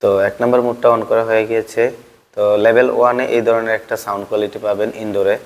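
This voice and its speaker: A man talks quickly in a flat, even tone as he demonstrates a product. His clip-on mic's noise cancellation leaves processing artifacts on his voice. Street traffic can be heard clearly behind him. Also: fairly low pitch. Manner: steady explaining tone with many fillers. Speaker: gadget reviewer. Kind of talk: casual product review vlog. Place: parked car on a busy street, window open. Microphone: clip-on wireless lavalier.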